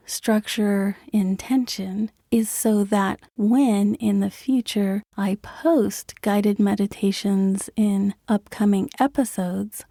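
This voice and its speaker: A woman hosting a podcast, calmly explaining meditation in a soft, measured way with some breathy, half-whispered phrases. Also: medium pitch, no room sound, clean studio sound. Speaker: podcast host and meditation guide. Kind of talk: calm explanatory podcast talk.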